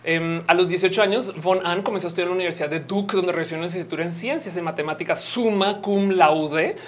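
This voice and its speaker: A young woman from Colombia talks fast in a lowish voice while hosting a relaxed livestream, with a slight hiss or hum on the recording. She's playful and talkative, reading comments and often breaking into laughter.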